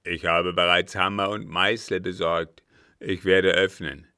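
A man voicing a gruff, scheming male captain who is quick to rage, reading him loudly and forcefully in an audiobook. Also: low voice, level tone, no room sound, studio quality, heavily acted. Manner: loud, forceful, grim. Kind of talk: audiobook character voice.

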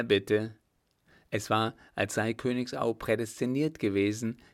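A man reading a historical adventure novel aloud in a steady, measured narration. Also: fairly low pitch. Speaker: audiobook reader. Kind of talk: scripted narration.

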